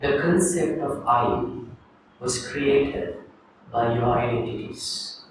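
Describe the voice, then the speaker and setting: A Sri Lankan man, a Buddhist monk, giving a calm dharma talk to a group and leading a guided reflection. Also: medium pitch, slow pace. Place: teaching hall in Sri Lanka. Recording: echoey room, distant mic, faint noise.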